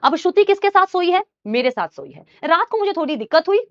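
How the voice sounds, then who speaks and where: A young woman teacher telling a personal story in a casual, animated way, addressing listeners like her students. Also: very high-pitched, fast talker, no room sound, highs cut off.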